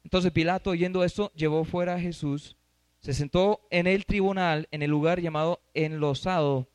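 A man's voice: high voice, clear, resonant tone, no echo. A man preaching and teaching from scripture. He reads passages aloud and stops to quiz his listeners. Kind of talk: Bible teaching.

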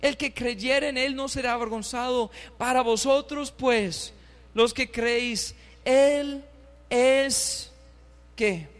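Male pastor, high-pitched, fervent sermon delivery, reads scripture and leads the congregation in call-and-response. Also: slow pace, long reverb tail. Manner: fervent, climbs to loud, high emphatic bursts; reads scripture aloud and calls for the congregation to repeat. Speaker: preacher.

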